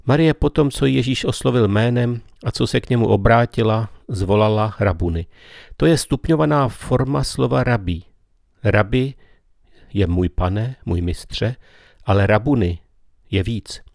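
A man gives a slow, meditative spiritual talk as a preacher. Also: lowish voice, creaky, a little mellow, no echo, studio quality.

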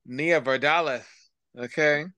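A man co-hosting a podcast, recapping reality TV in casual gossip chat, loud, profane and joking. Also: fairly high pitch, takes it slowly, clean tone, no echo. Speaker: podcast co-host.

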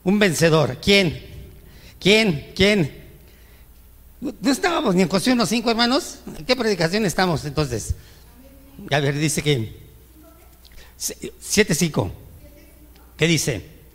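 In a reverberant church hall, a male pastor preaches with a high, sing-song, slightly bright voice, moving slowly and leaving long pauses. He fires rhetorical questions at the congregation and acts out whiny complaints to God.

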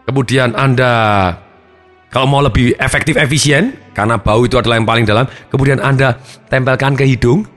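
A male therapist speaks to a seminar audience with a middle-pitched voice. He stays lively, acting out small scenes and sound effects as he teaches. Faint music plays behind him. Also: brisk. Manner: lively, acts out scenes and sounds while explaining. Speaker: habit-change therapist and trainer.

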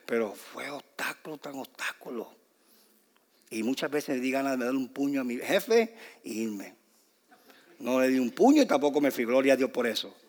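A man from Rico, preaching a fervent sermon that swings between soft asides and loud bursts, with English fillers mixed in. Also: mid-range voice. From Puerto Rico. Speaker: pastor. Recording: long hall reverb.

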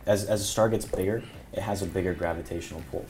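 A man's voice: sits low, fairly even intonation, fast, a little mellow. A man, a musician guest on a podcast, musing in casual chat with lots of ums. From Mexico. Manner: reflective, filler-heavy, musing.

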